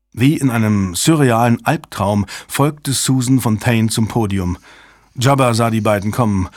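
A man narrating an audiobook in a measured, even storytelling manner. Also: on the low side, dry recording, clean studio sound.

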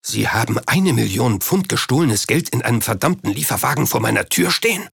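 A man's voice: mid-range voice, sing-song, fairly quick, gravelly, a bit bright, breathy edge, dry recording, clean studio sound, exaggerated voice. A man doing a panicky aging tycoon. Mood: panicked. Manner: raised, agitated and clipped.

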